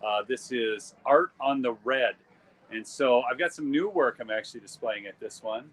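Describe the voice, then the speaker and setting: A man's voice: mid-range voice, moderate pace, fairly bright tone, rough recording. A middle-aged man with a Minnesota accent, hosting a casual live stream from an outdoor art fair booth and chatting with visitors about his photography. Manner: chatty, rambling, friendly sales talk. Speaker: photographer and YouTube host.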